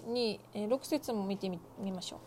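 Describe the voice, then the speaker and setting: A woman interpreting a Bible lesson phrase by phrase, with fillers and quick self-corrections. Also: medium pitch, darkish tone, a little hiss or hum.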